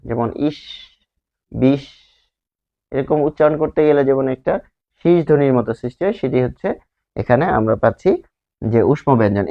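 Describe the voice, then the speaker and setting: A male teacher from Bangladesh giving a grammar lesson, asking and answering his own questions and drawing out sounds to demonstrate them. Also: on the high side. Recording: slightly dull lo-fi sound.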